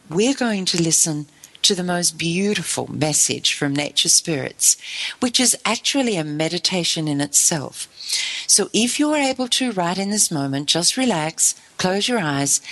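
A woman's voice: low voice, a bit bright. A woman hosting an informal instructional talk on her own, emphatic and reassuring. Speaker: meditation teacher and host. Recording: long reverberant echo.

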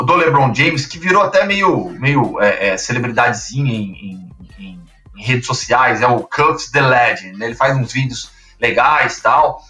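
A man's voice: mid-range voice, sharp tone, echoey room, far from the mic. A man hosting a basketball podcast, explaining the news in a chatty way with many fillers. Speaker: podcast host.

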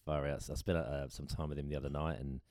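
A man's voice: a bass voice, steady tone, fast, darkish tone, dry recording. An Australian man chatting enthusiastically as a podcast guest, telling casual anecdotes. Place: at a kitchen table indoors.

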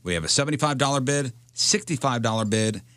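A man's voice: mid-range voice, expressive, fast talker, a bit bright, slight background noise. A man hosting a radio game segment like an announcer, repeating bids and drawing them out for suspense.

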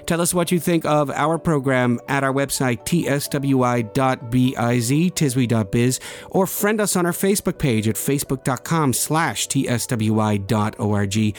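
A man hosts a radio show, narrating a first-person story in a measured, expressive way and getting louder at the tense moments. His pitch is medium, and faint music plays behind him.

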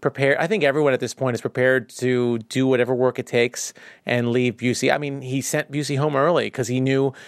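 A man from New York City co-hosting a podcast, talking in a relaxed, chatty way. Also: medium pitch, a little fast, clear, resonant tone, dry recording, clean studio sound. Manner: relaxed, chatty, with some filler. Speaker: podcast co-host. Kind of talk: casual chat.

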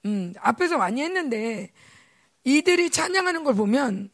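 A woman, a pastor's wife, preaching a conversational sermon during a church service and telling lively stories that act out the people in them. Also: sits high, normal speed. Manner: animated storytelling, acts out quoted voices.

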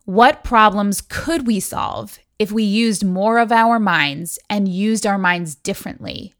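A woman hosts a podcast in an articulate, enthusiastic voice that sits at a middle pitch. The sound is close and dry, with no room around her. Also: slow, a bit bright, no room sound. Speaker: podcast host. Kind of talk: scripted intro then interview questions.

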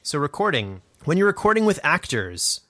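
Speaking at normal speed in a sing-song, pushed, bright voice on the high side, this man hosts a podcast and produces audio dramas. His casual instructional chat is enthusiastic and self-deprecating, recorded dry and close on a condenser studio microphone.

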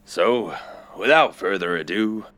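A man leading a comedic group scene, deadpan and teasing, then reassuring. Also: low voice, takes it slowly, no room sound.

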